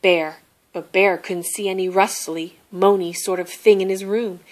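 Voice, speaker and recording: A woman with a mid-range voice reads a children's story aloud, narrating expressively at a slightly slow pace, like a storybook reader.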